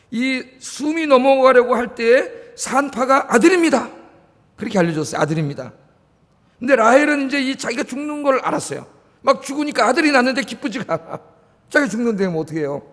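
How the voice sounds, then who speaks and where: A male pastor preaching a sermon, telling the story with lively acted-out quotes. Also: sits high. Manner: animated storytelling, acts out quoted lines. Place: church sanctuary. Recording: reverberant church hall.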